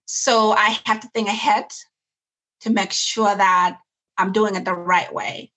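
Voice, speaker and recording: A woman from South Sudan discusses the nonprofit she founded in an interview conversation, her medium-pitched voice unhurried, fairly even in intonation and sharp in tone. She is earnest and reflective, often restarting a phrase before continuing, and the recording is rough.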